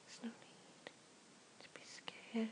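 A woman in an ASMR comfort roleplay, talking in a soft, gentle whisper. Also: takes it slowly. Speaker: ASMR performer.

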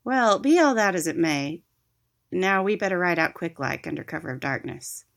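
A woman's voice: lowish voice, animated, normal speed, vocal fry. A woman playing a feisty, sardonic gunslinger in a comic Western audio drama. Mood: wry.

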